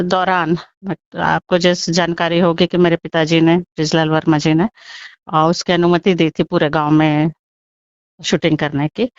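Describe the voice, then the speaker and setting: Halting older woman on a muffled phone line. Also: lowish voice, smooth, no echo. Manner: halting, with many pauses and restarts. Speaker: interviewee recalling childhood. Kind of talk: phone interview reminiscence. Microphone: phone call.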